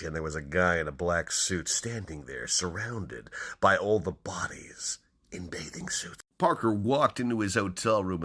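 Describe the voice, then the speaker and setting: A man giving a hammy, theatrical dramatic reading, launching lines loudly and dropping to hushed, breathy endings. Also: deep voice. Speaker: book enthusiast reading aloud.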